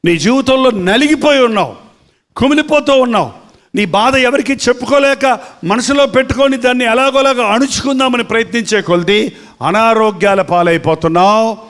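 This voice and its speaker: A man's voice: very high voice, moderate pace, a bit bright. A male pastor preaching a sermon in a dramatic, emphatic way, full of rhetorical questions.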